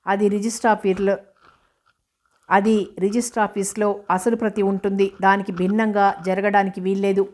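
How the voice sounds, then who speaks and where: A woman voicing a calm elderly male mediator who patiently explains the rules of a will. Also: medium pitch, moderate pace, natural voice.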